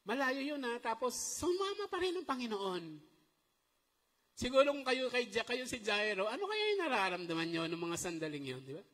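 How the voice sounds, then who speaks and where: A middle-aged man preaching in a church hall with a high, lifted voice. He keeps the delivery animated and turns to the congregation for responses. A long reverb trails behind every phrase. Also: moderate pace. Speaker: pastor. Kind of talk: sermon.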